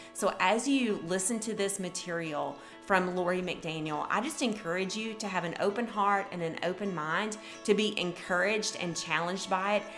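A woman with a fairly low voice hosts a devotional podcast. She speaks earnestly and encouragingly to the listener, with faint music playing underneath. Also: a bit bright. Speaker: podcast host.

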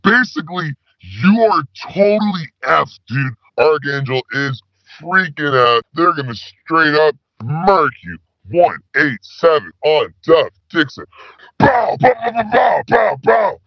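A man playing a rambling, slang-talking male spy who calls in with his voice pitched down. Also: animated, slow pace, hardly any pauses, no room sound, full character voice. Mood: laid-back. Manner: stoner slang, rambling, laid-back. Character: slacker male spy caller with disguised voice. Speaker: caller. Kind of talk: comedy call-in sketch. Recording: dull lo-fi phone call.

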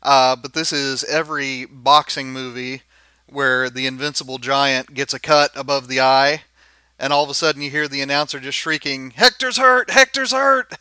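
A man in a casual book discussion, making thoughtful, measured comparisons. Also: mid-range voice, level tone, pushed and bright, smooth, no echo.

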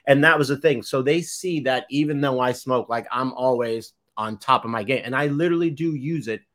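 A man's voice: medium pitch, fairly quick, fairly bright tone. A man from Boston with a Boston accent, a podcast guest in casual conversation, talking loosely and correcting himself. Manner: loose, rambling, self-correcting.

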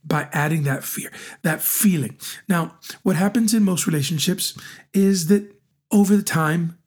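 A man in his forties co-hosting a relationship podcast, talking in an animated, teasing way and often repeating his words as he starts a thought. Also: high voice, unhurried. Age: 40s. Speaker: podcast co-host. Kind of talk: casual chat.

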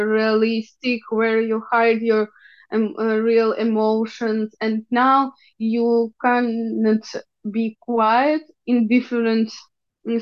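Young woman with a Ukrainian accent, higher-pitched. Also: lo-fi sound. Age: young adult. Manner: halting, searching for words in non-native English. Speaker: interview guest. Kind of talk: personal interview account.

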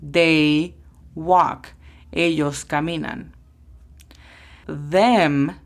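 Slow, low-voiced woman teaching pronouns. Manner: slow, careful spelling-out of pronunciations. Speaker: English teacher. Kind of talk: language lesson.

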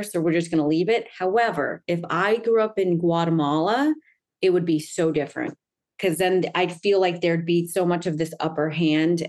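A woman's voice: on the low side, darkish tone. A middle-aged woman from the United States, a guest coach, speaking earnestly and fluently in a conversational interview, often checking in with "right?". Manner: earnest, fluent storytelling with frequent "right?" tags.

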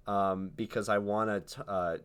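A man's voice: on the low side, flat delivery, normal speed, smooth. A man co-hosting a podcast in casual comedic chat, playful and teasing in the way he talks. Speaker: podcast co-host.

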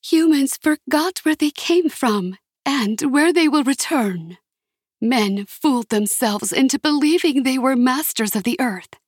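Woman putting on the husky, high-voiced Earth Mother spirit. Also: lively intonation, unhurried, a little mellow, dry recording, clean studio sound. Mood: solemn commanding. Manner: high, chanting proclamation. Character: ancient skeletal Earth Mother spirit, female, commanding. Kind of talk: audiobook character voice.

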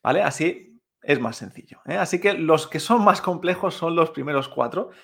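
Encouraging male teacher with a gravelly voice. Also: a little high, animated, moderate pace, fairly bright tone. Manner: patient, encouraging, models each tone aloud; frequent tag questions like "¿vale?" and "¿eh?". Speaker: Mandarin pronunciation teacher. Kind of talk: podcast lesson.

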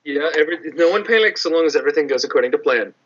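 A man's voice: on the high side, lively intonation, very fast, fairly bright tone, a little hiss or hum. A man co-hosting a podcast in casual chat, wandering into tangents. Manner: rambling, tangent-prone. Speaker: podcast co-host. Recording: dull lo-fi sound.

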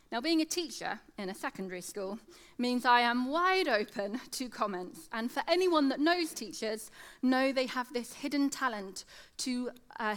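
A woman in her thirties with a lateral lisp that turns s sounds slushy, giving a devotional talk. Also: fairly high pitch. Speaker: secondary school teacher giving a devotional talk. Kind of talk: sermon, devotional talk with scripture reading.

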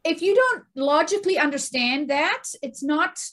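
In a high voice at normal speed, a middle-aged stress and anxiety coach chats animatedly as an interview guest in a casual setting. She tends to repeat words and keeps asking "right?"

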